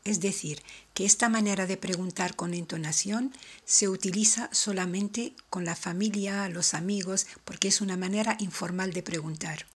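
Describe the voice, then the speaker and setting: A woman teaching a language lesson, explaining slowly and deliberately and repeating each point in two languages. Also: medium pitch, breathy edge. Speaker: French teacher.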